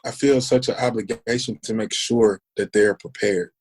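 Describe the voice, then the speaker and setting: A man's voice: lowish voice, steady tone, moderate pace, breathy edge. A man in his forties, a podcast guest, talking earnestly and emphatically, repeating questions to drive his point home. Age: 40s. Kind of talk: casual conversation.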